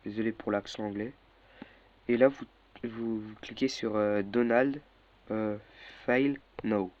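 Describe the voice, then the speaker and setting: A man's voice: on the low side, steady tone, measured pace. A young man walking through a casual tutorial, hesitant, with many fillers and self-corrections. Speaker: tutorial maker. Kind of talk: casual screen-recorded tutorial. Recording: dull lo-fi mic with faint noise.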